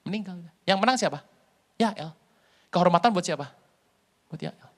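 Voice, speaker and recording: A male pastor preaching a sermon in a lively storytelling way, with jokes. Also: high voice, normal speed.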